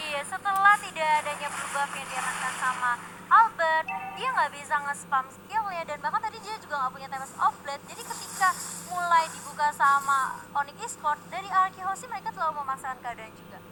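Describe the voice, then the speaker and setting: A woman esports caster. She talks quickly, moving between match commentary and analysis, with loud music behind her. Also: high voice, lively intonation, low-quality recording.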